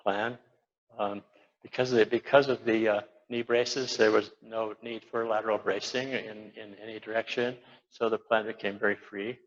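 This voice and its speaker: The dull, lo-fi recording captures an older man speaking at normal speed in a low, level voice. He's an architect delivering a casual slide talk in an awards-event lecture hall, wandering off track and restarting often amid plenty of fillers.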